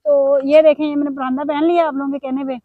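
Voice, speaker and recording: A woman's voice: sits high, little pitch movement, fast talker, no room sound. A middle-aged woman, chatting to her viewers in a casual vlog with a sore throat, complaining and confiding. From Pakistan. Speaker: vlogger. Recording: dry, tinny phone-like audio.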